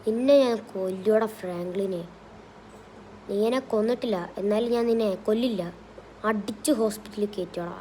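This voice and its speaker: A woman's voice: mid-range voice, moderate pace, warm tone, a little hiss or hum, poor audio. A woman narrating and voicing a comic gangster game story. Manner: playful, switches between character voices. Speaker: gaming channel narrator voicing characters.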